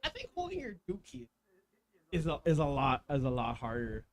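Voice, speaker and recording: A man's voice: a little high, huge pitch swings, normal speed. A man hosting a casual podcast stream, rambling through stories with many restarts. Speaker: podcast host. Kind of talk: casual chat.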